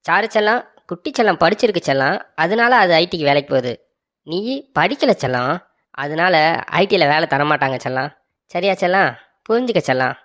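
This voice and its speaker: A woman voicing a soft-hearted young husband who sweet-talks his wife in a cartoon comedy. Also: medium pitch, fairly quick, dull audio, lightly acted. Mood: doting. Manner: sweet-talking, pleading, calls his wife "darling".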